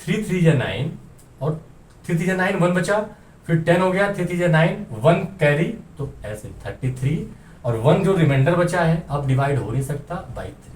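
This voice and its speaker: A man's voice: on the high side, animated, normal speed. A man teaching a maths lesson, explaining step by step and often checking that the class follows. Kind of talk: classroom lecture. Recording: roomy sound, mic some distance off, faint hiss.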